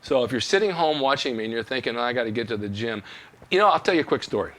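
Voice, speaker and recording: A man's voice: mid-range voice, expressive, racing, a bit bright. An older man hosting a fitness talk show, telling folksy stories and giving motivational tips. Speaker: host. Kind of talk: casual chat.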